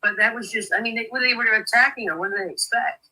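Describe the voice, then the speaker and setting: Earnest, sympathetic woman with a bright voice. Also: on the high side, quick pace, low-quality recording. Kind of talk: casual chat.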